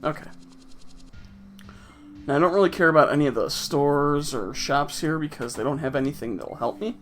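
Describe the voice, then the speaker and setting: A man's voice: on the high side, moderate pace, fairly bright tone, soft background music. A man casually commenting on his own gameplay with wry, offhand, sarcastic asides. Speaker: let's play host.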